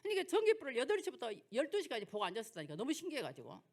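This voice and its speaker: Racing along in a high-pitched voice with huge pitch swings, an older woman pastor preaches a sermon lecture. She comes from Jeolla, South Korea, speaks in the Jeolla dialect, and uses folksy personal stories and rhetorical questions.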